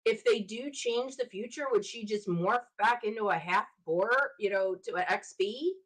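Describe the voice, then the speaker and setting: On her own show, a woman speaks at medium pitch and a moderate pace, offering casual solo fan commentary. She muses aloud and speculates chattily, captured on a rough recording.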